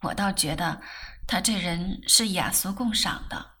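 A woman reading a novel aloud, voicing a gentle young man who teases softly in a lowered voice. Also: unhurried, breathy edge, exaggerated voice. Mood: gentle teasing.

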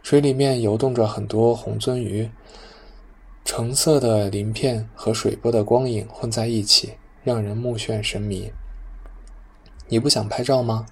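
A man narrating a novel as an audiobook, calm and even. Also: fairly low pitch, a little slow, creaky, slightly rough.

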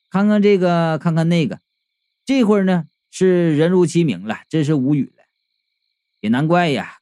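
A man's voice: a little high, dark tone, dry recording, studio quality. A man narrating a comic audiobook in a chatty, colloquial storytelling manner.

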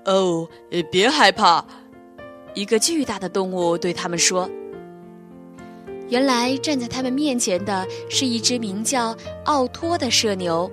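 A young woman telling a children's bedtime story in a gentle, expressive reading voice. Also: fairly high pitch, normal speed, faint music behind.

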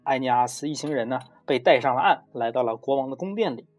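A man's voice: medium pitch, lively intonation, fast, soft background music. A man retelling a myth in a chatty, digressive way, often adding tag questions. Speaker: storyteller. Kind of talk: casual myth storytelling.

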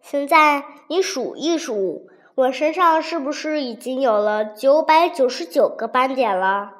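A woman's voice: high voice, lively intonation, a little slow. A woman voicing a clever but timid young male sika deer who bluffs while trembling. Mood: bluffing.

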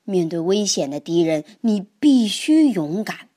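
A woman voicing a wise old male grandpa toad in a children's storybook, speaking slowly. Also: very animated, warm tone. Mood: calm. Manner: slow, low, drawn-out speech.

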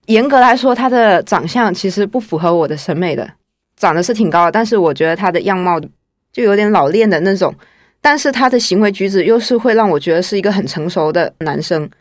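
A woman's voice: mid-range voice, animated, brisk, no room sound, clean studio sound. Candid young woman telling a story. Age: 20s. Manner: candid, chatty, wry. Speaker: guest storyteller. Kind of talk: casual first-person storytelling.

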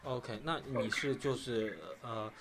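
A man's voice: mid-range voice, slow pace, a bit bright. A man hosting an interview podcast, asking probing questions and giving brief acknowledgments. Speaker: podcast host.

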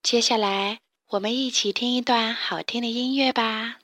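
A woman narrating a children's story in a gentle, clear storytelling voice. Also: a little high, steady tone, normal speed.

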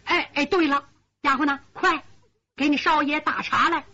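A woman's voice: high voice, moderate pace, bright, forceful tone, muffled recording. A woman storyteller voicing an elderly mother who is fussing and trembling with joy. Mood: tearful. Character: elderly mother, tearful and doting.

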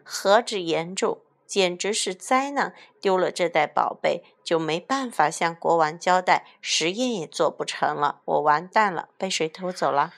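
A woman voicing an excitable, fussy explorer man in a children's storybook reading, wailing and dramatic. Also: lowish voice, unhurried, creaky, hardly any pauses. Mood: despairing.

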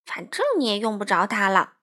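A woman voicing an eager, bumbling young male crow in a storybook, excited and pleading. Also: medium pitch, a little fast.

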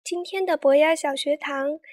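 Storyteller: woman, high bright register, gentle children's picture-book narration, coaxing tone. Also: fairly even intonation, normal speed. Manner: warm, coaxing tone addressing children.

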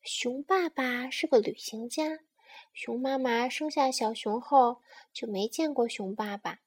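A woman reading a bedtime story aloud to a child in a slow, gentle manner. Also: fairly high pitch.

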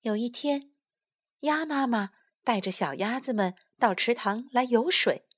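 A woman reading a children's story aloud to her child, expressive and unhurried. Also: fairly high pitch, dry recording, studio quality. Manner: expressive, slow storybook telling. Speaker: storyteller mother.

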